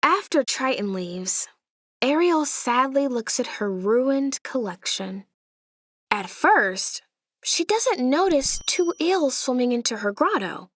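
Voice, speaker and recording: A woman with a fairly high voice reads a children's story aloud, her intonation lively and swooping. She goes slowly, adding dramatic emphasis the way a storybook narrator does for young listeners. The recording is close and dry.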